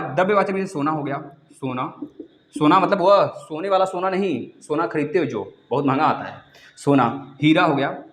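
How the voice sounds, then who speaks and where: A man teaching a live online class. He repeats words over and over, dictates slowly and drops in jokey asides. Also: a little high, a bit bright, echoey room. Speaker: Hindi teacher for exam preparation.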